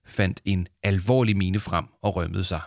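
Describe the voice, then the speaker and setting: A man's voice: deep voice, gravelly, a little mellow, no echo, studio quality. A man reading a children's story aloud for his podcast, casual and self-deprecating between chapters. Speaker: podcast host and reader.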